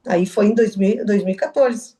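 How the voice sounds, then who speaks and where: A middle-aged woman, soft-spoken and halting, giving personal testimony as an interview guest. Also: medium pitch. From southern Brazil. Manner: halting, soft-spoken, with restarts and quoted dialogue.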